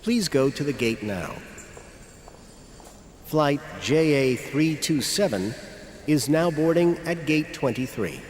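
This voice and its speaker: A man acting as an airport announcer, giving slow, formal boarding calls over loudspeakers for a course recording. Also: on the high side, expressive, echoey room, in a large hall, a little hiss or hum. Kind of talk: scripted course audio.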